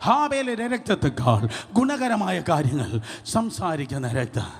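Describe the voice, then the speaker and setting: A male pastor preaching a charismatic sermon, calling out to the congregation, repeating phrases and swinging from shouts to hushed asides, with English phrases mixed in. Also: sits high, very animated, moderate pace, breathy edge. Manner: shifts between loud shouting and hushed asides.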